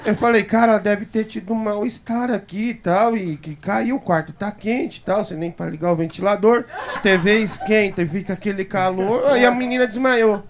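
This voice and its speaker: A man telling a comic anecdote as a guest on a talk show, animated and chuckling as he acts out the quoted voices of others. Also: high voice, normal speed, slight background noise. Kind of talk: comic anecdote told to a live audience. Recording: live talk show with audience laughter. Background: studio audience laughter.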